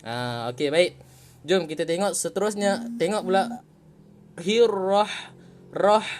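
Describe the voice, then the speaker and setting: A man with a Malaysian Malay accent teaches Quran reading in a casual online lesson, patiently repeating each point and slowing down to recite examples. His voice is fairly high with lively intonation, over slight background noise.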